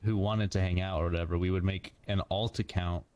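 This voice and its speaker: A man's voice: sits low, steady tone, a little fast, darkish tone, dry recording. A man speaking in a casual, blunt, slangy way in an interview chat.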